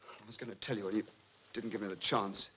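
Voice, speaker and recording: A man's voice: fairly low pitch, steady tone, fast, sharp tone, breathy edge, low-quality recording. A man playing a flippant but nervous young son in a 1950s film drama. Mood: defensive, hesitant. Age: young adult. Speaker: actor. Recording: old film soundtrack, background noise.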